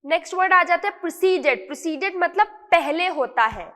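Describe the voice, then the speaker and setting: A woman's voice: very high voice, expressive, fairly quick, a bit bright, big-room sound. A woman teaching English vocabulary in an explanatory lesson, mixing Hindi and English and asking and answering her own questions.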